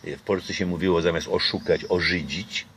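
An older man from Poland chats casually in an interview on an outdoor garden patio, recorded by a nearby camera. His low-pitched voice has fairly even intonation and a normal speed, and he sounds reflective and hesitant, with many fillers and restarts. Background noise is present.

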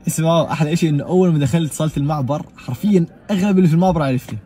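Rapid, emphatic young Gazan man. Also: a little high, dark tone. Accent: Gazan Arabic. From Gaza. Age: young adult. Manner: emphatic, swears oaths often, talks rapidly. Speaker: vlogger. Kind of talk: casual personal monologue.

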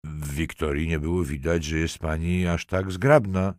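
A man's voice: extremely low pitch, moderate pace, darkish tone, no echo. A man reading a self-assured police lieutenant who trades dry, ironic banter. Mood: wry.

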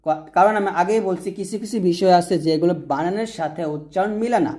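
A woman's voice: on the low side, mellow. Patient Bangladeshi woman teaching letter sounds. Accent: Bangladeshi Bengali. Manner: patient, repeats each sound slowly. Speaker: Arabic pronunciation teacher. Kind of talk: explaining letter by letter.

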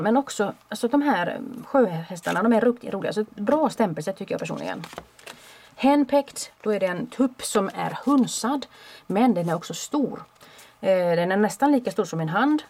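Chatty woman with a gravelly voice. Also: medium pitch, animated, a little mellow. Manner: chatty and friendly, with small restarts. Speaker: craft shop owner showing new stock. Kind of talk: casual product show-and-tell. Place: home.

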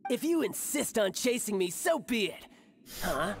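Casting: a cocky video game bandit, gravelly, theatrical and mocking, with lively swings in pitch. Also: male voice, a little slow, full character voice. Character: cocky, taunting male bandit villain in anime fantasy.

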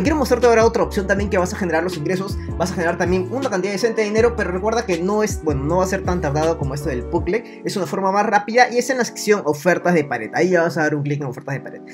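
A man talking straight to the viewer in a screen-recorded tutorial, repeating himself a lot and voicing the viewer's questions. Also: high voice. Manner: repetitive, talks to viewer directly; voices imagined viewer questions. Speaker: online money-making youtuber.

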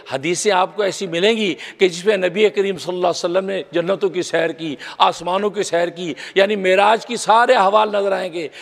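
Male preacher, sermon, high voice, gravelly, long hall echo. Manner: expressive, mimics skeptics' voices when quoting them. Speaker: mufti, preacher.

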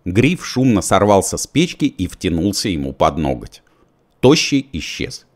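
Низкий выразительный мужской голос чтеца. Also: male voice, sits low, measured pace. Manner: expressive, plays all the parts. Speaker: audiobook reader. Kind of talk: audiobook narration.

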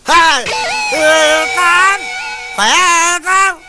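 An actor with a Southern Vietnamese accent playing a rowdy, confused drunk husband in a comedy sketch, rambling and bursting into shouts. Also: male voice, extremely high pitch, moderate pace, loud music behind the voice. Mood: groggy, rowdy. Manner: slurred, rambling, shouting outbursts.

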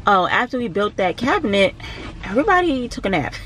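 A woman's voice: medium pitch, very animated, fairly quick, a bit bright, slight background noise. Chatty tired young woman in a car. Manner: chatty, tired and cranky, with laughs. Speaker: vlogger. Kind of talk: casual vlog chat. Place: parked car. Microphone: handheld camera close by.

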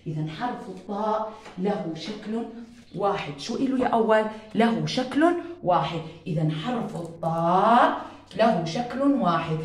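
A woman's voice: mid-range voice, animated, moderate pace. A woman with a Jordanian Arabic accent teaching a first-grade lesson, stretching out sounds in a sing-song way for young children. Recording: very echoey room.

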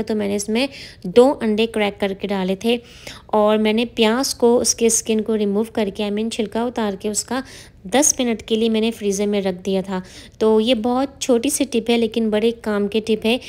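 A woman's voice: medium pitch, darkish tone. A middle-aged woman giving a friendly, explanatory voice-over for a home cooking tutorial, sharing tips with viewers. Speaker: cooking vlogger.

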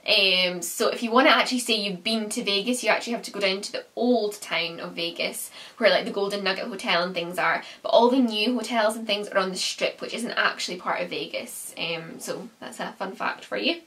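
A woman's voice: medium pitch, brisk, hardly any pauses, bright, forceful tone, recorded from a distance. A young woman in her twenties from the UK gives a chatty, casual travel recap to camera from a small bedroom, often saying "um" and "like". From United Kingdom. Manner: chatty, with frequent "um" and "like". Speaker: travel vlogger.

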